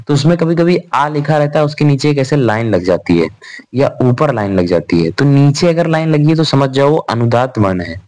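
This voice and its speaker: A young man tutoring students through exam revision in a loose, conversational way. He keeps posing questions and answering them himself. His pitch sits in the ordinary middle range for a man. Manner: chatty, addresses students as "bhai", asks and answers his own questions. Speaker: Sanskrit grammar tutor. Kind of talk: informal exam revision lecture.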